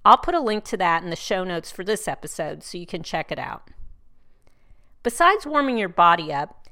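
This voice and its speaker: Bright, upbeat woman giving tidy advice. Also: medium pitch. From United States. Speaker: host of a tennis tips podcast. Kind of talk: scripted instructional narration.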